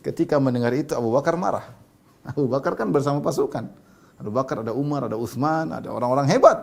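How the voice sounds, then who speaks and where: A male preacher giving a religious lecture, reciting Arabic passages and then explaining them in casual, animated storytelling. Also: medium pitch, quick pace, vocal fry. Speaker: Islamic preacher.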